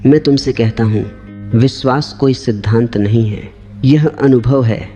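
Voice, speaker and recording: Male spiritual teacher, mellow voice, calm repetitive discourse over faint music. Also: medium pitch, measured pace, muffled recording.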